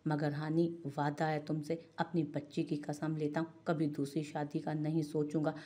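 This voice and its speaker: A woman's voice: deep voice, monotone, moderate pace, mellow. A woman voicing a proud landowner husband who speaks in grief and remorse, sobbing as he makes promises.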